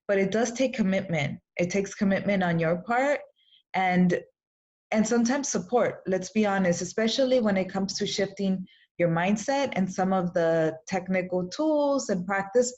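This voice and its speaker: Coaching through a casual webinar, a young Los Angeles woman raised speaking Spanish uses a medium-pitched, darkish voice. She keeps things encouraging but frequently starts phrases over, over slightly dull, lo-fi audio.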